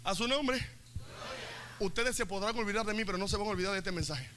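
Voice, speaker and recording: A male pastor, preaching an animated sermon in a high, very bright voice. He jokes and calls on the congregation to answer back. Faint church ambience sits behind him. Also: fast talker, a little hiss or hum. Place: church service.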